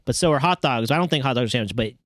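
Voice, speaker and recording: A man co-hosting a casual podcast chat, animated and joking, laughing often and swearing. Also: medium pitch, very fast, no echo, clean studio sound. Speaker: podcast co-host.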